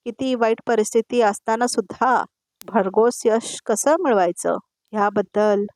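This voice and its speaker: A woman's voice: fairly high pitch, unhurried, darkish tone, no room sound, lightly acted. A woman voicing a male reporter asking prying questions in a formal manner. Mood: probing.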